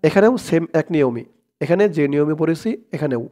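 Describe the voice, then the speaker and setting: A man teaching Quran recitation, spelling out each word and chanting the verses in long drawn-out tones. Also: on the high side, lively intonation, warm tone. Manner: slow drawn-out chanting of verses between plain explanations.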